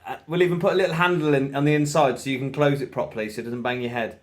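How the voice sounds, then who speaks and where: A man's voice: mid-range voice, steady tone, rapid-fire. A British man co-hosting a podcast in casual, blokey banter with some swearing. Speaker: podcast co-host.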